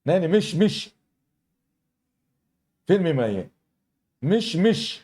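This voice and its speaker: Guy teaching arabic to a class, high voice that jumps around a lot, keeps going "isn't it?". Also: very animated, warm tone, breathy edge. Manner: quizzes students, keeps asking "isn't it?"; spells out letters slowly. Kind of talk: classroom lesson. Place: classroom at an Islamic school.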